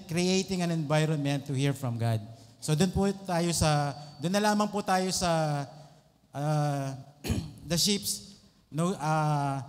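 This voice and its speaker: A man preaching a sermon in Tagalog and English, hesitant with filler words and frequent checks with the listeners. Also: fairly high pitch. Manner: hesitant, many ah fillers, asks okay often. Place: church hall. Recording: reverberant church hall.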